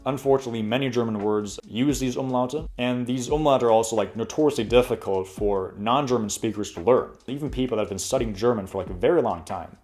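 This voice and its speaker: A man's voice: mid-range voice, quick pace, hardly any pauses, a little mellow, soft background music. A young man in his twenties hosting a casual pronunciation lesson, chatty and full of fillers, demonstrating sounds as he goes. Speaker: language tutorial host.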